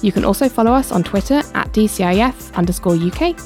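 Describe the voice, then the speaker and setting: A woman's voice: medium pitch, expressive, fast talker, darkish tone, faint music behind. A woman hosting a podcast in a casual, chatty and self-deprecating way. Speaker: podcast host.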